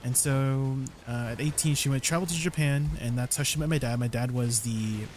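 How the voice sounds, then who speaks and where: A man's voice: medium pitch, normal speed, a little mellow, slight background noise. A man live streaming, chatting casually with viewers, telling stories and reading their comments aloud.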